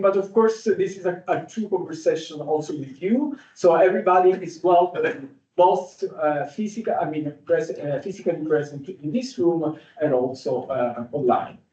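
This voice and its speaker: A man's voice: high voice, a little mellow, dull audio. Hesitant man moderating, distant echoey mic. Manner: hesitant, many filler sounds. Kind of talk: academic panel moderation. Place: seminar room.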